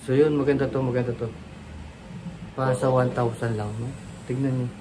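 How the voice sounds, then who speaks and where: In this casual unboxing and demo chat, a Filipino product reviewer rambles along in short fragments. His voice is mid-range with a level tone at a moderate pace. The recording is an amateur karaoke-mic demo made in a noisy, echoey room.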